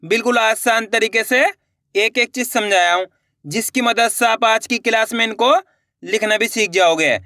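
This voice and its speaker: A man's voice: sits high, moderate pace, sharp tone, dry recording, studio quality. A man teaching Hindi reading, sounding out each letter and then blending it into the word, and checking with his viewers that they follow. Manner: addresses viewers as friends, asks if it is clear. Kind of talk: slow syllable-by-syllable reading lesson.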